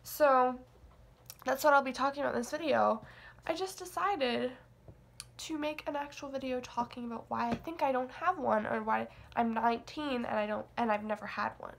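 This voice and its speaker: Her voice sits high and creaky, and she talks at a moderate pace. She's a young adult of nineteen doing a rambling, hesitant confessional vlog, peppered with fillers and self-deprecating asides.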